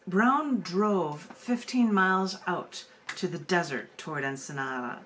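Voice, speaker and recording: Fairly low in pitch and fairly bright in tone, this woman speaks with animation at a slightly slow pace. As host of a video call open mic, she moves from casual conversation into narrative readings of her own poetry against noisy room sound.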